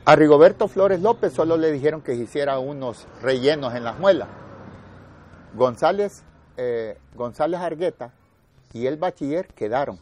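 A man's voice: a little high, normal speed. Older Salvadoran man recounting war stories. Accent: Salvadoran Spanish. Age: 60s. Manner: animated storyteller acting out quoted voices. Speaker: war veteran interviewee. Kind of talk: spoken war memoir.

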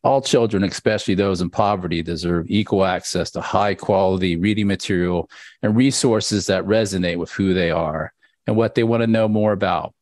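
A man, a professor co-hosting a webinar, giving an earnest, measured opening speech over a headset on a video call. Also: low-pitched, a little mellow, no echo. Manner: earnest, measured, slight fillers. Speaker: professor, co-host.

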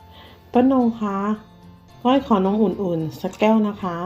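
Woman doing a bratty young daughter, sharp and sulky, mellow voice, faint music. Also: animated, moderate pace, lightly acted. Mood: sweet. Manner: sharp, resentful, raised pitch. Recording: slightly dull, faint music.

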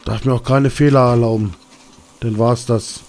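A man's voice: mid-range voice, steady tone, normal speed, a little mellow, soft background music. A man giving casual gameplay commentary, muttering and cursing while sneaking through a game. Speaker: let's play streamer.

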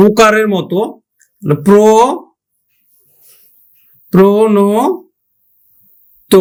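A male teacher from Bangladesh giving a spoken lesson, slow and deliberate, repeating and drawing out example words. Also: high-pitched.

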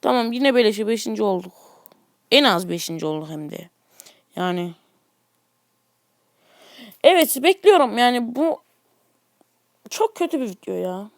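Male gaming YouTuber, high voice, dry close sound; loose, excitable play-by-play with grumbling asides. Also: a little slow, gravelly, pauses often, no echo. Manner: excitable, grumbling at the game, chatty asides to viewers. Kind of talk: casual mobile gameplay commentary.

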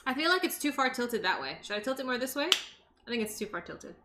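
Fast and sing-song with a slightly high voice, a young Los Angeles woman cooks in her home kitchen while casually chatting with her stream, chopping as she answers chat. She's recorded on a desk mic on the counter, with background noise present.

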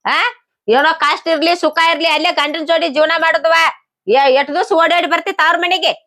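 Woman as a quarrelsome wife, North Karnataka accent, high voice. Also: fairly even intonation, brisk, a bit bright. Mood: scolding. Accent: North Karnataka Kannada. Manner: argumentative, defensive, scolding. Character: sharp-tongued wife quarrelling with her husband. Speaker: wife in a comedy skit.

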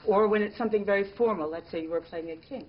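A woman drama teacher leading a classroom activity, giving upbeat and clear instructions. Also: mid-range voice, fast, dull audio.

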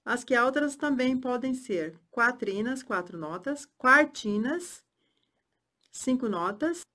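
Slow, bright-voiced woman teaching. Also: a little high, expressive. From Brazil. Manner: slow, clearly spoken, chanting rhythm syllables. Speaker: music theory teacher. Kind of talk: music theory lesson.

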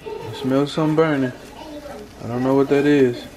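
An American man, an amateur vlogger cooking at home in a small indoor kitchen, chats casually and mutters, repeating himself in bewilderment. His voice is medium-pitched and steady at a moderate pace, with kitchen clatter and sizzling in the recording.

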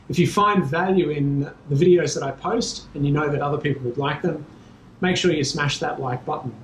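Australian man, 30s, relaxed chatty vlogger with lots of ums; slightly high voice, recorded on a camera mic in an echoey garage. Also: a little hiss or hum. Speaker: cycling vlogger. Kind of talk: casual talk to camera. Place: small garage or shed with bikes, indoors. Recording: echoey small room, faint ambience.

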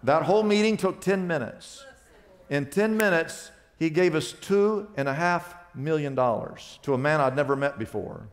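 A pastor telling a story in a sermon, animated and rising to loud excited peaks. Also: male voice, fairly high pitch, normal speed. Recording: long reverb of a large hall.

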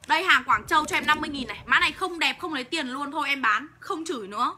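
A woman's voice: high voice, expressive, fast talker, sharp tone, slight background noise. A young woman hosting a livestream to sell clothes, talking bluntly and hawking with heavy cursing. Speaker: online clothes seller. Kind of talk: livestream sales pitch.

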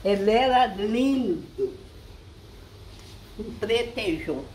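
High-voiced elderly rural Brazilian woman. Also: expressive, drawn-out words, darkish tone. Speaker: elderly villager being visited. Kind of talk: casual chat. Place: open porch and kitchen of a rural house. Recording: noisy handheld outdoor recording.

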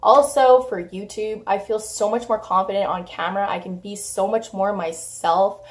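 A young woman talking to camera in a frank, chatty vlog, her voice hoarse from a cold, swearing freely and filling with "like". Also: medium pitch, fairly even intonation, moderate pace. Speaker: vlogger. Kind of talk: casual vlog talk to camera.

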